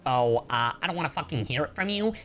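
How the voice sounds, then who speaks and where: A man's voice: fairly high pitch, lively intonation, quick pace, fairly bright tone. A male streamer giving casual, chatty gameplay commentary and swearing freely.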